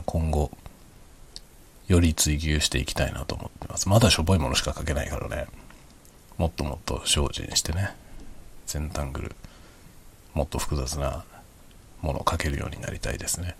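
A middle-aged man speaks in a hushed late-night voice, very deep and a little rough around the edges. He chats casually and explains things in a relaxed, easygoing way, keeping it quiet throughout. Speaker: hobby vlogger.

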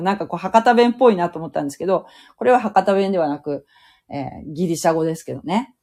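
A woman with a lowish, dark and mellow voice gives a casual Bible teaching for a podcast. She explains step by step, reads scripture passages aloud and stops to comment on them. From Fukuoka, Japan. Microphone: home podcast mic.

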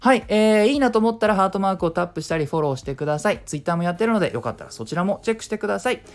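A middle-aged man's high-pitched, expressive voice races along as he hosts his casual solo talk show. Chatty and self-explaining, he gives tips on speaking and peppers in brief sound imitations.

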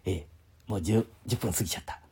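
A man's voice: lowish voice, fairly quick, dark tone, slightly rough. Chuckling old man with Mikawa dialect. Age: 70s. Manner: rambling, chuckling, talks to himself. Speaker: live stream host. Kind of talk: casual live stream chat. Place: at home.

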